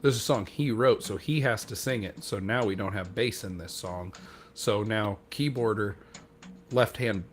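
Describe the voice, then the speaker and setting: A man's voice: on the low side, normal speed, a little hiss or hum. A man on a podcast telling a rambling, self-deprecating story in casual chat, acting out what other people said. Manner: acts out quoted dialogue. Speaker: podcast co-host.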